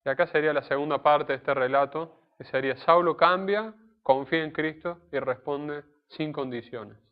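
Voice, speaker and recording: A man giving a sermon in a conversational, explanatory way, pausing to restate his points. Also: on the high side, clear, resonant tone. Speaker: preacher. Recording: dull lo-fi recording.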